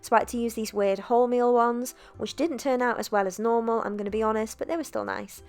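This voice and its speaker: A young woman narrating a cooking video in a chatty, relaxed voice-over, with self-deprecating asides. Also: a little high, fast talker, creaky. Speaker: cooking vlogger.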